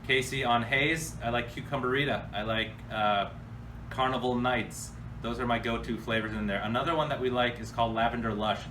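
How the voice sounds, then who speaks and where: Fairly quick and steady in tone, a medium-pitched American man hosts an informal question-and-answer session. He replies to viewers in a blunt, slangy, improvised way. Background noise comes through clearly on the distant mic.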